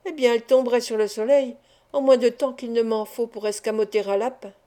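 A woman's voice: fairly high pitch, fairly even intonation, brisk, warm tone, lightly acted. A woman voicing a clever small male street acrobat who speaks in a teasing, sententious way.

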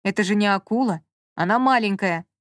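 Женщина в аудиокниге читает реплики ворчливого раздражённого мужчины, занятого делом. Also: female voice, medium pitch, fairly quick, no room sound, studio quality, lightly acted. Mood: irritated. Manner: grumbling, irritable, muttering. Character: grumpy man absorbed in work, snappish. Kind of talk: audiobook character reading.

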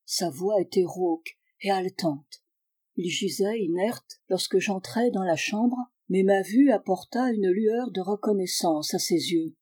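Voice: medium pitch, measured pace, darkish tone, breathy edge. Une voix adulte qui lit un roman policier classique à voix haute, d'un ton posé et régulier. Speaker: audiobook reader. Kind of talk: scripted narration.

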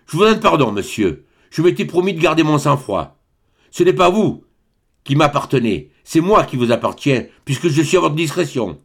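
A man's voice: fairly high pitch, animated, normal speed, creaky, voice pushed up. A man voicing a stern, proud old male baron who lectures in an imperious, indignant tone. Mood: dry, cold. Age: older.

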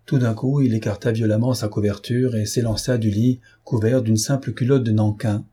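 A man narrating a novel as an audiobook in a measured, expressive manner. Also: lowish voice, breathy edge. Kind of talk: scripted narration.

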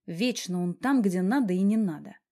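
A woman's voice: medium pitch, moderate pace, warm tone. Woman narrating an audiobook. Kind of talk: scripted narration.

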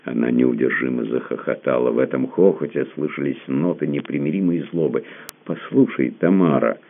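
A man narrating a literary audiobook in a dramatic, expressive reading. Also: rumbling low, fairly quick, gravelly. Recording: narrow phone-like band.

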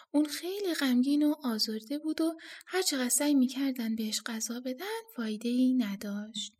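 A woman reading a folk tale aloud as an audiobook narrator, in a calm, expressive storytelling manner. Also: sits high, slightly rough.

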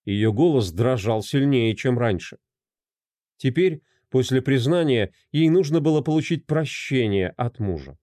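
A man narrating a crime novel as an audiobook, with expressive storytelling. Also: medium pitch, unhurried, dry recording, clean studio sound.

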